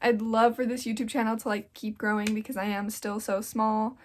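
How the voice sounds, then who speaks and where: Sitting down for a relaxed vlog, a roughly twenty-year-old YouTuber with a touch of congestion from getting sick rambles earnestly, filling her speech with "like." Her fairly high voice comes out flat at a normal speed, with slight background noise in the recording.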